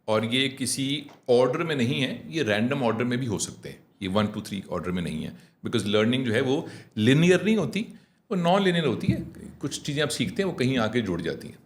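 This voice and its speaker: Animated man coaching clear speech. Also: mid-range voice. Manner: animated, mixing English phrases, demonstrating slow clear diction. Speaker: communication trainer, guest. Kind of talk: conversational coaching.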